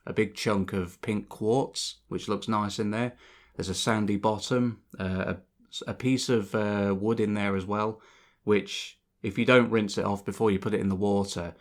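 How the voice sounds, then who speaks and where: A young channel host narrates over gameplay footage in a lowish voice, rambling and reflective. He's congested and sore-throated from a cold, and his casual monologue is full of fillers and restarts.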